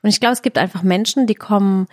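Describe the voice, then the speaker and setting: A woman's voice: mid-range voice, fast, a little mellow, no echo, studio quality. A woman in her thirties chatting casually as a podcast host, telling long personal stories with lots of small fillers. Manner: chatty storyteller, many fillers and hedges. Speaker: podcast host and video creator. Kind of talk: casual chat.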